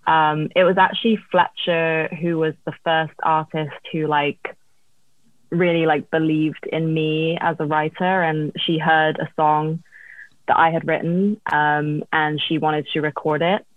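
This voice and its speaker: A woman's voice: low voice, level tone, a little slow, dry recording, phone-quality sound. A woman songwriter being interviewed, chatting casually about her career over thin call audio. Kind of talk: casual chat, telling career story.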